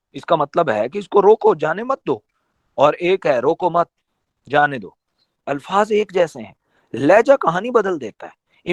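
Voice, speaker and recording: A man's voice: sits high, dry recording. A man giving a motivational training talk to his team, teaching in a conversational, emphatic way with many rhetorical questions. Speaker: network marketing trainer.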